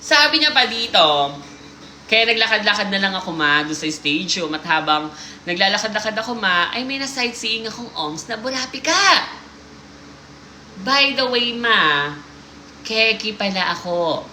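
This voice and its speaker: Woman host reading listener stories on a stream, bright voice, playful and teasing; roomy echo. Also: mid-range voice, animated, a little slow, long pauses, slight background noise. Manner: playful, teasing asides while reading aloud. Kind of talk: casual livestream chat.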